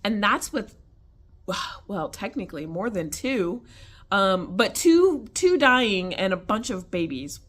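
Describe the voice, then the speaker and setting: Speaking slowly at a medium pitch, a woman talks casually to the camera in a home room full of tarantula enclosures. She's lively and talkative, addressing everyone as "y'all," and her voice falls to a whisper whenever she gets close to her pet spiders.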